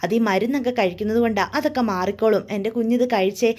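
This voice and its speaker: A woman voicing a caring young woman who gently coaxes a sick child to eat. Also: on the high side, fast, lightly acted. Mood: gentle coaxing. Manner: gentle, coaxing.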